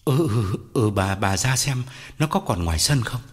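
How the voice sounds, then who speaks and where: A man's voice: mid-range voice, lively intonation, normal speed, slightly rough, big-room sound, pitched below the performer's own voice. A man voicing a domineering rich old man who now stammers and shakes with fear, in an audiobook ghost story. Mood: terrified stammer. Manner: stammering, shaky speech. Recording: loud music bed behind.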